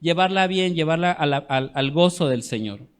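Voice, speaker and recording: A man teaching a church discipleship class, earnest, often checking in with his listeners and slowing down to stress scripture. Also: on the high side, lively intonation, clean tone.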